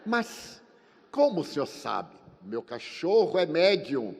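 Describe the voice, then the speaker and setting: An older man from Brazil giving a spiritist lecture, telling a personal story and acting out the dialogue with sweeping changes in pitch and loudness. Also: big pitch swings, slow pace, vocal fry, a little hiss or hum. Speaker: spiritist speaker. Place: lecture hall at a congress. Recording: long hall reverb from a live congress.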